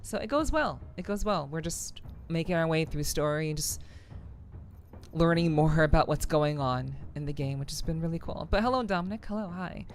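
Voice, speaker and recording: A woman chatting casually on a livestream in a friendly, welcoming way, her throat a little rough. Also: sits low, lively intonation, normal speed, a little hiss or hum. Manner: friendly, chatty, gushing thanks and greetings. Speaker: streamer. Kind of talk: casual livestream chat, greeting viewers.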